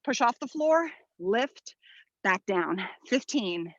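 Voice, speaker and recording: A woman's voice: a little high, lively intonation, slow, no echo, highs cut off. A woman leading a follow-along workout as a fitness instructor, giving motivational short commands and counts while exerting herself. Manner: exerting while talking, audible breaths and sighs.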